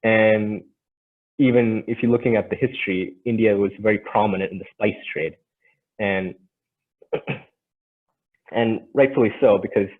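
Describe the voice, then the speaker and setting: A man giving an informal presentation, speaking in a hesitant, halting way. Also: on the low side, breathy edge. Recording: tinny, phone-like narrow band.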